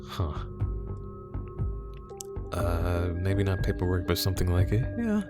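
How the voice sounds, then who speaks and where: Streamer, male, deep and unhurried. Casual, rambling, self-mocking game commentary. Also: sing-song. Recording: music playing behind.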